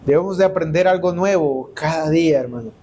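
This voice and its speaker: A man's voice: on the high side, brisk, dark tone, a little hiss or hum. A man from El Salvador preaching in church, telling personal stories and acting out the dialogue. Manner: storytelling, acts out quoted dialogue. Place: church hall.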